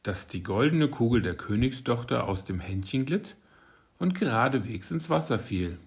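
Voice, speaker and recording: A man's voice: medium pitch, expressive, moderate pace. Man reading a fairy tale aloud. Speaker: narrator.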